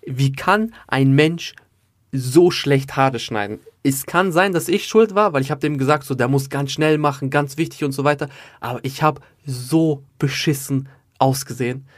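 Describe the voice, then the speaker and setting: A man in his twenties telling a comic story in an animated, slangy way, packed with filler tags. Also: medium pitch, moderate pace, dry recording, clean studio sound. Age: 20s. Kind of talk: comedic storytelling to an audience.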